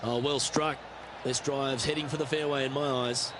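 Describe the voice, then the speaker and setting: A man playing a composed golf commentator in a video game, calling play in measured, understated short phrases. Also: medium pitch, fairly even intonation, background noise, natural voice. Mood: composed, approving. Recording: loud music and crowd behind. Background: music, outdoor crowd ambience.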